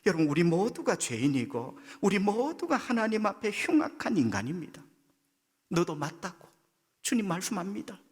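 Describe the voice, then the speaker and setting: A male pastor with a Gyeongsang accent preaching a sermon, leaping in pitch as he acts out quoted voices. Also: very animated, normal speed, slightly rough. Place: church sanctuary. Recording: long church hall reverb.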